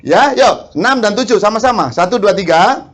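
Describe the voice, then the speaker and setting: A man's voice: high-pitched, lively intonation, a bit bright. A male preacher, delivering a sermon and firing questions at the congregation. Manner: asks the congregation questions, quick laughs, acts out quarrels. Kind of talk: lively sermon.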